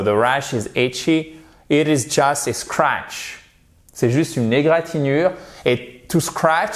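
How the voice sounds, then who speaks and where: A male teacher runs an English vocabulary lesson for French speakers, joking as he goes. He speaks at a slow, unhurried pace and repeats each word carefully. His voice sits in an ordinary middle register. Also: medium pitch. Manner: chatty, jokey, switches between French and English; drills words slowly, repeating them for pronunciation.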